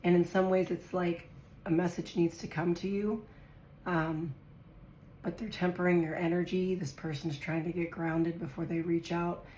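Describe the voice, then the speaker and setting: A woman gives viewers a casual tarot reading in a low voice made hoarse and raspy by a virus. She's chatty, thinking aloud as she draws cards, with little pitch movement, a warm tone and normal speed. The room is echoey with faint noise.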